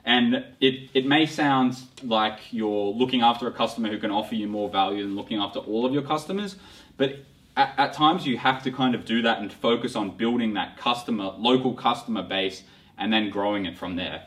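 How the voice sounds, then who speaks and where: A man's voice: fairly low pitch, fairly bright tone, distant mic. Rambling enthusiastic male podcast co-host. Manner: rambling, quick and enthusiastic, with restarts. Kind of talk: marketing podcast talk.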